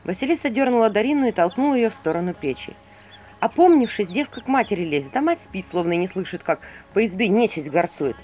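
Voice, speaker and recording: Expressive woman telling a folk tale. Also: mid-range voice, quick pace. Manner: expressive, hushed then rising. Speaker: storyteller. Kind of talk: dramatic folk tale narration.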